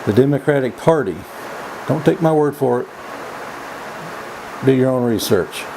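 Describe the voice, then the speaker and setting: A man giving a casual, opinionated vlog monologue in a folksy, halting way, often repeating his words as he goes. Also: mid-range voice, lively intonation, vocal fry, noisy background. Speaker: vlog host. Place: indoors.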